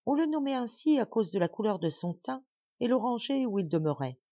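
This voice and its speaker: A woman narrating a fairy tale as an audiobook reader, in an expressive, animated way. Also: on the high side, brisk, dry recording, muffled recording. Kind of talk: scripted storybook narration.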